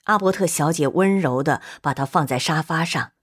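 A woman reads a literary novel aloud at an even, measured pace. Her voice sits on the lower side, calm and steady, carrying the scene without rush. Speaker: narrator. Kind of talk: scripted audiobook narration.

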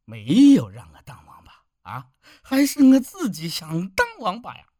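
A man's voice: sits high, huge pitch swings, measured pace, dry recording, studio quality, pitched above the performer's own voice, full character voice. A man doing a drunk, furious village husband. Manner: shouting, bitter.

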